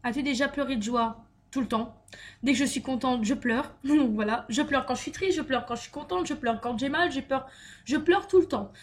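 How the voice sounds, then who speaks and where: A young French woman, a beauty vlogger, chats her way through a casual Q&A tag video, full of fillers and restarts. Her voice sits high and her delivery is brisk.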